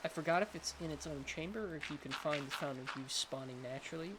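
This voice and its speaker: A man's voice: fairly high pitch, fast talker, heavy background noise. A man with a lisp giving casual, rambling game showcase commentary, often hesitant and unsure of himself. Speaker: gaming video host.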